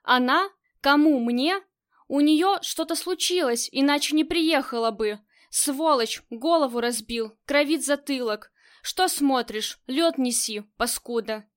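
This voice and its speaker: Lady reading as loud swearing mob boss guy, high voice, audiobook. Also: takes it slowly. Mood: angry. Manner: swearing, barking orders. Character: gruff male crime boss, loud and short-tempered.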